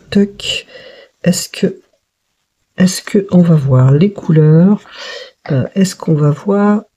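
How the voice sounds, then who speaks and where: A woman's voice: lowish voice, mellow, husky. A woman talking through a watercolour palette test in a chatty, hesitant way, thinking aloud with frequent fillers. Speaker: watercolour painter testing a palette. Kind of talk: casual tutorial narration.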